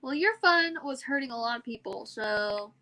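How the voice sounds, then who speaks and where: Bright-voiced woman playing a tabletop game. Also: on the high side, lively intonation, moderate pace. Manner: casual, firm when in character. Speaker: player.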